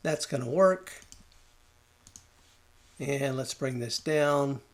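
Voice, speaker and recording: A man talking through a design software tutorial, thinking aloud and muttering at the program as he works, with keyboard and mouse clicks behind him. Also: mid-range voice, extremely slow. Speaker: design instructor. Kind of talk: screen-recorded software tutorial.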